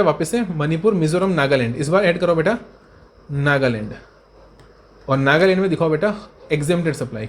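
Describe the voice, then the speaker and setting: A high-pitched man leads a brisk accountancy revision lecture, repeating key points and answering his own questions in a student's voice. He speaks to the students in a fond, coaxing tone.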